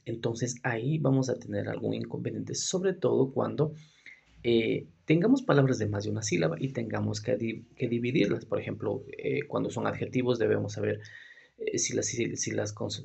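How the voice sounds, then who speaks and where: A man's voice: lowish voice, darkish tone. A man teaching English in Spanish, explaining step by step and asking rhetorical questions as he goes. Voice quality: very husky and gravelly. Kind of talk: explaining a grammar lesson.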